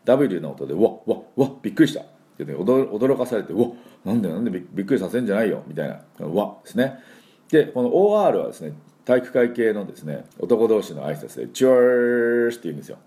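Deep-voiced man teaching pronunciation playfully. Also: mellow. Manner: playful, acts out sounds and exaggerated drills. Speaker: English pronunciation teacher and host. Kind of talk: lively pronunciation lesson.

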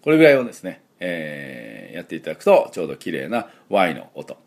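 A middle-aged man with a low voice teaching pronunciation in a daily audio lesson. His pitch swings widely as he explains, and he models each sound slowly. He fills his pauses with long "eh"s. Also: wildly swooping pitch. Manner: explanatory, demonstrates sounds slowly, frequent "eh" fillers. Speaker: English school principal and pronunciation teacher.

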